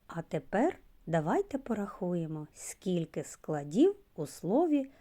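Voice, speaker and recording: Slow, sing-song preschool teacher woman. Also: lowish voice, very animated, mellow. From Ukraine. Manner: sing-song, stretches sounds and key words. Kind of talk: slow literacy lesson for young children.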